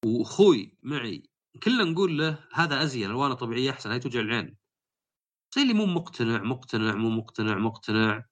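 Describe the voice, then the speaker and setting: A man hosting a podcast, talking casually and telling stories with animation. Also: medium pitch. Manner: animated storytelling. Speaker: podcast host.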